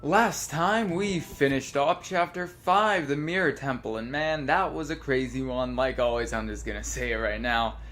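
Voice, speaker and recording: A man hosts a video game let's play in a casual commentary style. His voice sits at a middling pitch, with game music clearly playing behind him as he talks. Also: normal speed, hardly any pauses, a bit bright. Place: attic, open space.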